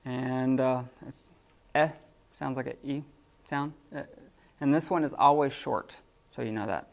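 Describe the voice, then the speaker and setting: A man teaching a classroom lesson off the cuff, halting with many fillers and restarts. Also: mid-range voice, vocal fry, a little mellow. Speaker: Greek teacher.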